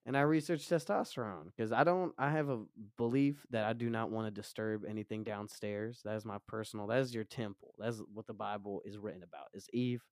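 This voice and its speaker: A deep, low male voice with a relaxed stoner drawl, speaking candidly about himself in conversation. The sound is close and dry, like an informal interview. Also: brisk, hardly any pauses, dry recording. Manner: laid-back stoner drawl. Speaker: interview guest.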